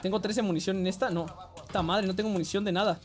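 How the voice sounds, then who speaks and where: Mexican guy streaming a shooter, excitable, swears a lot, faint music behind. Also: high voice, fast talker. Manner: excitable, swears, frequent yelling. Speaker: game streamer. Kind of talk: live gameplay commentary.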